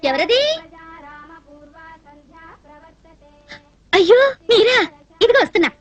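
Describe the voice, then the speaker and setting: A woman's voice: very high-pitched, expressive, fast talker, a bit bright. An actress dubbing a film scene, playing a bashful, lovesick young woman who turns tearful and pleading. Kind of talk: dubbed film dialogue.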